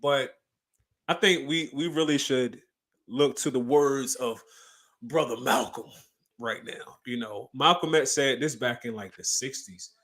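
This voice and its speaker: A man co-hosting a podcast, talking in casual chat with emphatic, animated bursts. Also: medium pitch, measured pace. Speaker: podcast co-host.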